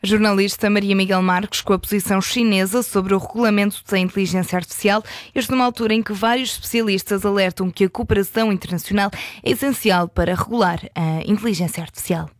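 A woman with a European Portuguese accent anchors a radio news bulletin. She keeps a calm, formal tone at a mid pitch. The sound is dry and close. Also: fast, no echo. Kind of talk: news reading.

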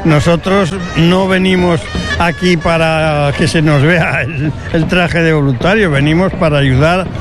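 A man's voice: a little high, steady tone, unhurried, music in the background. A male volunteer being interviewed outdoors, answering in a modest, plain-spoken way.

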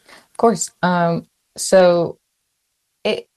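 A woman from Hawaii, an author, talking quickly and casually in an interview, with frequent fillers and restarts. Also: on the low side, fairly even intonation, a little mellow, clear, resonant tone, no room sound. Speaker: author, guest.

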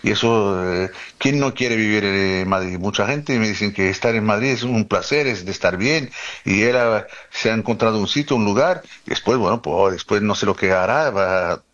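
A man with as his talking casually about football, halting often and restarting his sentences. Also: on the low side, fairly bright tone, muffled recording. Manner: halting, many restarts and fillers. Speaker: guest commentator.

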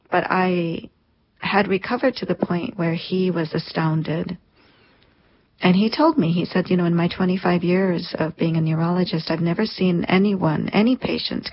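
Woman in her thirties, low husky voice, earnest, reflective, dull lo-fi sound. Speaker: interview guest. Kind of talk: personal story in an interview.

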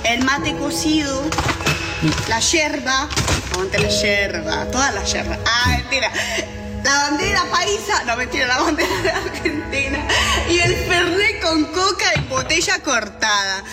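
A woman's voice: high voice, lively intonation, unhurried. A young woman born in France whose first language is French, joking in a bubbly, slangy monologue. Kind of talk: playful social media monologue. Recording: echoey room with loud music.

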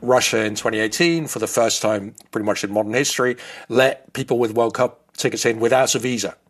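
A man's voice: medium pitch, brisk. A man in his fifties who grew up in the Netherlands, explaining his views in a thoughtful way as an interview guest. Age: 50s.

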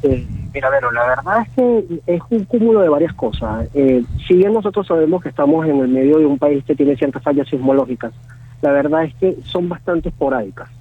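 A man in his thirties with a Venezuelan Spanish accent, calling in over a tinny phone line that thins his voice to a narrow band. His tone is husky, and he talks haltingly, with many fillers and restarts. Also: on the high side, lively intonation. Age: 30s. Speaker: phone guest. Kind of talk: phone interview.

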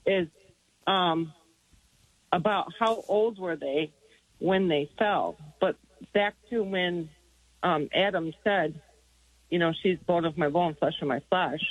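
A woman's voice: on the low side, slow, long pauses, no echo. A woman from Arkansas calling in to a radio show over a phone line, asking her question hesitantly and thinking aloud with many fillers. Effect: caller heard over a phone line on a radio show. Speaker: caller. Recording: dull lo-fi phone line, dry.

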